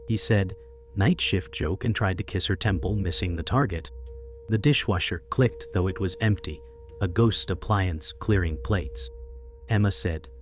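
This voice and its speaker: A man narrating a scripted story in an even, descriptive way. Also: sits low. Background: faint music.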